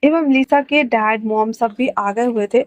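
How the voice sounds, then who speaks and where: High-voiced woman reading a story. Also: a little slow, dry recording. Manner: emotional, expressive reading. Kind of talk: reading an emotional romance story aloud.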